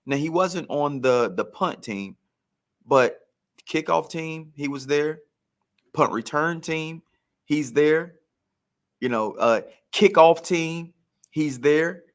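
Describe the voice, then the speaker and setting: In a slightly high voice, this man speaks slowly with long pauses. He's a former pro football player appearing as a guest storyteller, spinning casual sports yarns and repeating phrases to drive points home.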